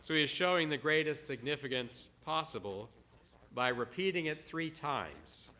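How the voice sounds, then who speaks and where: Preacher, male, bright forceful tone, dramatic sermon delivery with emphatic repetition. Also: a little high, lively intonation. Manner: dramatic, repeats words for emphasis, slows on quiet phrases.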